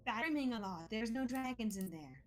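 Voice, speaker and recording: A woman game master chats casually through character creation, her voice sitting a little high. She teases her players, laughs easily and calls them honey. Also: expressive, normal speed. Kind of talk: casual tabletop game chat.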